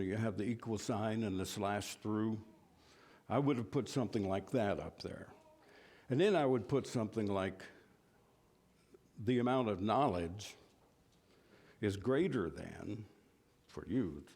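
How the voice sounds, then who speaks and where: A man's voice: fairly low pitch, a little mellow, slightly rough. A man from West Virginia teaching a church Bible class in a folksy, self-deprecating way, asking the class questions.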